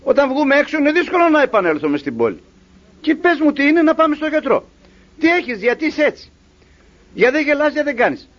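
A man's voice: very high-pitched, very animated, a bit bright, pitched above the performer's own voice, full character voice. A man voicing a kindly master who questions a bought slave with concern, inside a sermon. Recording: dull lo-fi recording.

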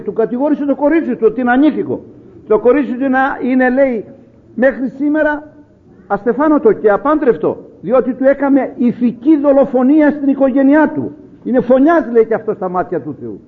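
A man with a very high voice gives an evening sermon, told as a story with retold dialogue. He keeps slipping "he says" between the quoted lines. The sound is thin and narrow, like a phone line. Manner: retells dialogue, often repeating "he says". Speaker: preacher.

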